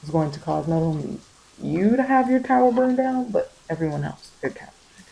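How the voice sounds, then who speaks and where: Through poor audio comes a woman's fairly low, warm, creaky voice, expressive and a little fast. As a tarot reader giving spiritual guidance, she talks directly to the listener in an informal, ASMR-leaning monologue, repeating phrases emphatically in casual vernacular.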